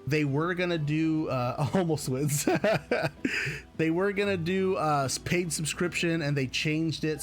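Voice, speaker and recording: A man chatting casually on his game stream, rambling and laughing often. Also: a little high. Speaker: gaming streamer. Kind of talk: casual live-stream chat.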